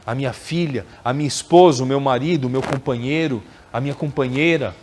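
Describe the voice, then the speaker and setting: A man lectures at a spiritist center in an easy, conversational way. His pitch sits in the middle, and he keeps checking in with the audience through short tag questions. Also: fairly quick, darkish tone, a little hiss or hum. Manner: conversational, frequent tag questions, acts out quoted dialogue.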